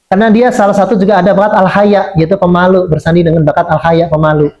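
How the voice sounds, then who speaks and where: A man giving a lively religious lecture to teachers as an Islamic teacher, acting out children's words. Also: high-pitched, quick pace. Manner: lively, acts out children's quoted speech. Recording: muffled lo-fi recording.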